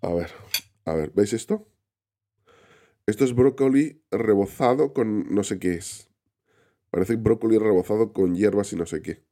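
Deep and mellow, a man's voice comes a little slow with long pauses as he hosts a casual live stream while unwell and recovering from illness. He rambles, reads chat and greets viewers by name aloud, and keeps restarting his sentences.

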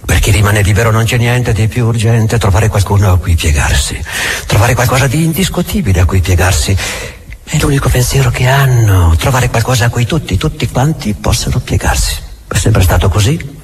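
An actor playing a bitter, accusing, imperious inquisitor in a theatrical monologue, deliberate and full of rhetorical questions. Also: male voice, medium pitch, animated, slightly rough. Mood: cynical, insistent.

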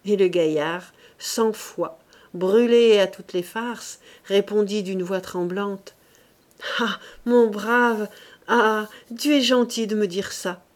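Slow, measured woman narrating a novel. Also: mid-range voice. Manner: measured, expressive reading. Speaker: audiobook reader. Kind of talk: scripted narration of a classic novel.

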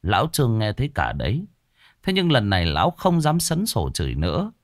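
A man narrating a village ghost story in a slow, dramatic, folksy way. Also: fairly low pitch, huge pitch swings, dry recording, clean studio sound. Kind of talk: spoken horror story narration.

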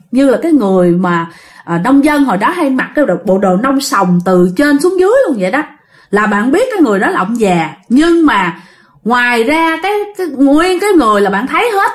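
A woman telling a ghost story in a chatty way, talking straight to her listeners. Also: sits high. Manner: chatty, addresses listeners directly. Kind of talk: casual ghost story narration.

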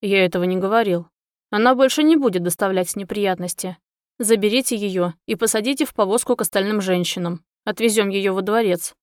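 A woman's voice: medium pitch, brisk, clean tone, no room sound, clean studio sound, lightly acted. A woman voicing a haughty young elf, a sultan's son, who speaks in curt commands. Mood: commanding.

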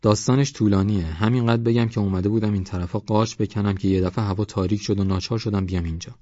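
A man's voice: fairly low pitch, fairly even intonation, mellow, no room sound, lightly acted. Polite young villager, voiced by a man, earnest, dull audiobook sound.

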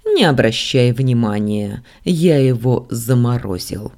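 Woman reading as a lazy amused god guy, slow and low, teasing. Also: very animated, mellow, exaggerated voice. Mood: careless. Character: mocking, capricious male dragon-maker god.

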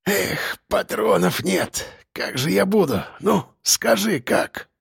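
A gruff old village grandfather and ex-hunter, with a gravelly, husky, wheezing rasp. His voice sits high and swings up and down a lot, and he drawls his words slowly. The sound is dry and close. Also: sing-song, dry recording, heavily acted. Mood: wheezing, weary. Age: older. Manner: folksy, earthy speech. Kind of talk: audiobook character voice.

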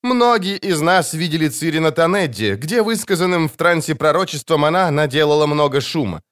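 A man's voice: fairly high pitch, animated, fairly quick, a bit bright, voice pushed up. A man doing a poised, authoritative sorceress. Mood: formal.

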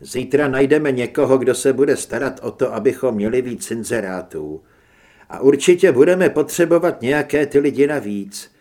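A man's voice: medium pitch, animated, dark tone, close to an everyday voice. A man reading an audiobook, voicing a stubborn, idealistic young male reporter who argues emphatically. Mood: weary.

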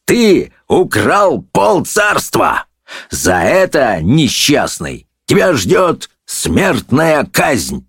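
A man voicing a blustering, pompous judge who roars and drags out his insults in a high, strained voice. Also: very animated, no room sound, clean studio sound. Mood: bullying. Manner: roaring, bullying, drawn-out shouts.

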